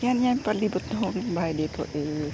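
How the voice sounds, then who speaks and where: A woman films a casual vlog on a handheld phone, chatting as she walks and pointing things out to her viewers. She laughs often in a relaxed, talkative way. Loud outdoor noise and chirping crickets sit under her voice. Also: mid-range voice, brisk, dull audio. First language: Tagalog. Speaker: vlogger.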